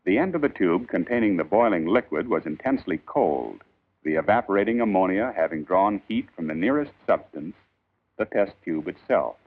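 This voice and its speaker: A man reading a scripted 1940s instructional film in a formal, measured, emphatic old newsreel narrator style. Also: deep voice, expressive. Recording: tinny band-limited 1940s film soundtrack.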